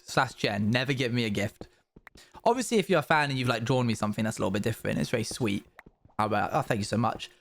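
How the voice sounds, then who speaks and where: A man's voice: medium pitch, fairly bright tone. A young man streaming live, telling rambling stories to his viewers with self-aware asides. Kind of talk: casual chat with viewers.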